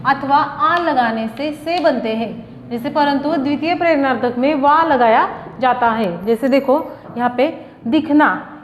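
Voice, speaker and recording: A woman's voice: high-pitched, slight background noise. A woman teaching a grammar lesson, explaining step by step and answering her own questions. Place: classroom or coaching room. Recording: echoey room, dull lo-fi sound.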